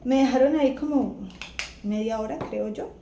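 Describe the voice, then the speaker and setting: A woman's voice: a little high, moderate pace, gravelly, slight background noise. A young woman with a Colombian accent, chatting casually as she tells a personal story and acts out what others said. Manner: chatty, animated retelling with acted-out quotes. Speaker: vlogger. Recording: echoey room, faint ambience.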